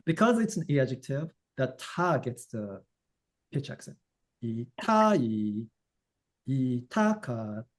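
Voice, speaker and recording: A man's voice: medium pitch, sing-song, moderate pace. A man teaching Japanese grammar in an online class, explaining casually with many fillers. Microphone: video call.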